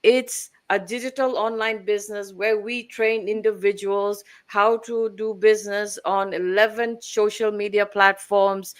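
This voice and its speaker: Smooth, even-toned woman presenter. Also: medium pitch. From Fiji. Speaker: guest business mentor. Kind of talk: live-stream business presentation.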